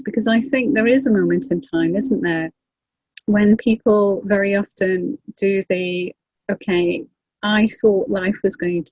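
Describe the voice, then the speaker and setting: A woman in her fifties chats with a guest, her voice a touch husky and breathy. The sound is dry and somewhat muffled, with little room around it. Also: mid-range voice, a little mellow, dry recording. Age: 50s. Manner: chatty, laughs often. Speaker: host. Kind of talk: casual interview chat.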